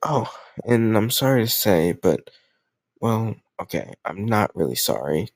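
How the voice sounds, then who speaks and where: Heavily acted with big pitch swings, this man's low-ish voice keeps a measured pace with no echo. He plays a lovesick, possessive, awkwardly doting kidnapper in an intimate roleplay audio drama, reassuring the listener directly in a rambling way, in a reassuring, possessive mood.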